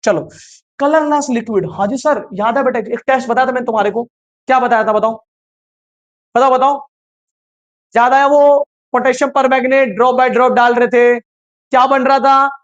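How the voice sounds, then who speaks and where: A man's voice: very high-pitched, fairly even intonation, moderate pace, pauses often, highs cut off. A male science teacher lecturing an online class. He quizzes his students, repeats each answer, and keeps reassuring them in a coaxing tone. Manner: repetitive quizzing, calls students "beta".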